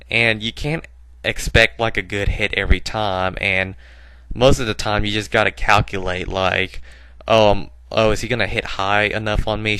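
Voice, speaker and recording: Guy with a kinda low bored sounding voice just rambling over his gameplay footage, lots of um and like. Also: bright, forceful tone, clear, resonant tone, no echo, rough recording. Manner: rambling, filler-heavy musing. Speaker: gaming video host. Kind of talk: casual voice-over commentary over gameplay.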